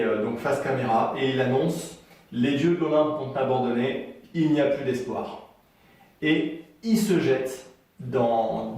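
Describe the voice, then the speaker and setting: A man's voice: mid-range voice, a little mellow, very echoey, recorded from a distance. A man giving a casual video lesson on writing, chatty with frequent fillers and restarts. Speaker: writing coach.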